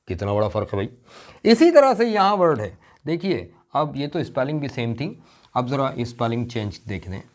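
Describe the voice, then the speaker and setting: A man teaching English grammar in a classroom lecture, explaining slowly and stretching out example words. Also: medium pitch. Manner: slow, deliberate explaining with drawn-out example words.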